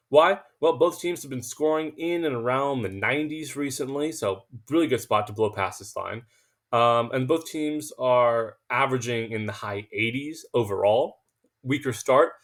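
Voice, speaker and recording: A man hosting a sports betting picks video, talking emphatically and confidently, sometimes tripping over his words. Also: medium pitch. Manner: emphatic, confident, self-assured; stumbles and restarts when excited. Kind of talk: casual betting picks monologue.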